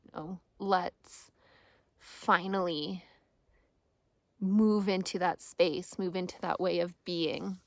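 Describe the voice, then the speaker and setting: A woman giving a calm, earnest grounding meditation talk as a guide, speaking deliberately with pauses and repeated phrases. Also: lowish voice, vocal fry, no echo, clean studio sound. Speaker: meditation guide and practice host.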